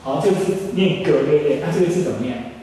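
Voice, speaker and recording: A man's voice: fairly high pitch, fast talker, mellow, slight background noise. Taiwanese-accented man lecturing in an echoey hall. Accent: Taiwanese Mandarin. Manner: quizzing, repetitive, explanatory. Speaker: English teacher. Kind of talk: classroom lecture with questions. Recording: echoey hall recording from far off.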